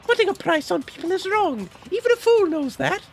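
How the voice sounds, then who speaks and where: A woman's voice: expressive, fairly quick, vocal fry, full character voice. A woman voicing a teasing, cryptic old fortune teller lady in a mocking granny voice for a game. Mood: teasing, scolding. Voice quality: high-pitched old lady voice. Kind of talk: playful improvised game voice-over in character. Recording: music behind the voice.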